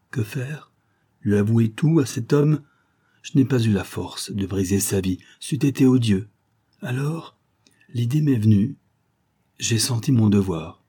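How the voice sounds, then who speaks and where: A man reading the part of an elderly man, a gentle and anxious father, in an earnest, pleading way. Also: lowish voice, slightly rough.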